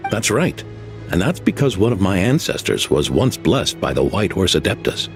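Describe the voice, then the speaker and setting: An actor voices a proud, elderly innkeeper who keeps a guest house, recounting old family legends and scolding skeptics in a grave, lecturing, theatrical way. His low voice swings widely in pitch at a moderate pace. The recording is game audio with faint music.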